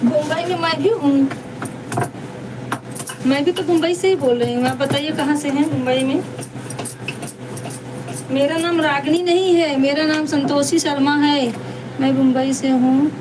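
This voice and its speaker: A woman from Deoria district, India, with a high-pitched voice hosts a chatty, repetitive live stream, addressing her viewers as sister. Her intonation is fairly even and her pace a little slow with frequent pauses; the mic sits far away and background noise is clear.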